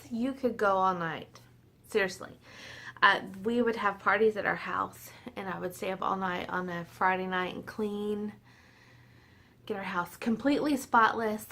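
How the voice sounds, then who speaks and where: Slightly tipsy, a female vlogger in her forties chats with her at-home audience, laughing often and downplaying herself in a chatty way. She has a mid-range, slightly bright voice with vocal fry.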